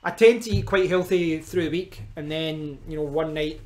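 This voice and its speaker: Streaming live from his kitchen at home, a young Scottish man with a strong Glaswegian accent rambles casually to viewers, restarting often and drifting into asides. His voice is fairly high-pitched and moves at a moderate pace.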